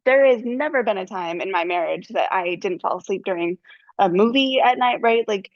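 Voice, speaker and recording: A woman's voice: medium pitch, animated, normal speed, dry recording, highs cut off. A woman podcast host speaking openly and chattily over a video call, often tagging her sentences with "right?". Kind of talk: casual conversational interview.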